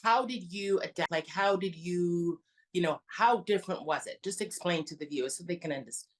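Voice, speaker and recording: Affectionate woman show host, low-pitched. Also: brisk. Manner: affectionate, calls guest honey and hon. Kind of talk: interview hosting.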